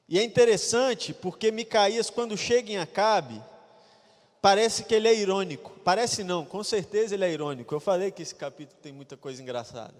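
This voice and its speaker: A male pastor preaching a sermon in a church, retelling a Bible story with lively acted-out quotes. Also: high voice. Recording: reverberant church hall.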